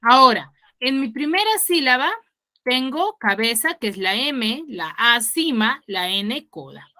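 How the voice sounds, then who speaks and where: Woman teacher quizzing pupils online; bright, clear voice, unhurried delivery. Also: a little high, animated. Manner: quizzing students, explains patiently. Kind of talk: online class instruction. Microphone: video call.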